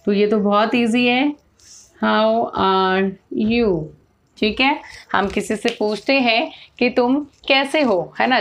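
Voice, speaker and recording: Teacher, young woman, unhurried delivery, spells out English phrases one word at a time for kids. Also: mid-range voice. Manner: slow, explains each phrase word by word. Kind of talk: spoken English lesson for children.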